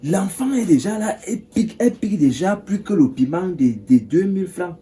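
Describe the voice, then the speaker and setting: An actor with a Cameroonian French accent playing a smooth-talking older man courting a young girl, with a wheedling, coaxing manner. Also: sits high, lively intonation, brisk, warm tone.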